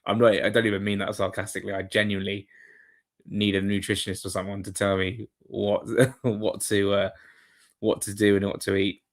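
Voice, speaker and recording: A man's voice: on the low side, monotone, fairly quick. A man hosting a live football watchalong, giving chatty, rambling play-by-play with asides to his viewers. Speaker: watchalong host. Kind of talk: live match commentary and chat.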